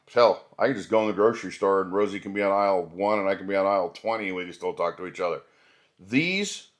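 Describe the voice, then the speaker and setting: A man with a lowish voice hosts a gear review vlog, chatting informally and conversationally straight to his viewers about products. The sound is clean studio audio with no room sound.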